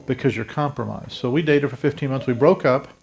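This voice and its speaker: A man in his fifties from South Louisiana preaches his testimony, speaking straight to the people in the pews. His voice has a gravelly edge and sits at an ordinary pitch for a man. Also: a little fast, darkish tone. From South Louisiana, USA. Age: 50s. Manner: earnest storytelling, addresses the congregation directly. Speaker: pastor. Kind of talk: testimony sermon.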